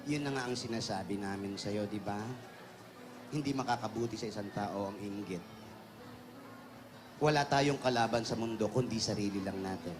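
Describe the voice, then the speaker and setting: A man's voice: fairly low pitch, normal speed, long pauses, close to an everyday voice. A man playing a stern but loving elderly grandmother in a comedic TV skit, giving moral advice firmly. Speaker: comedian in a live TV segment. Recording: music playing behind.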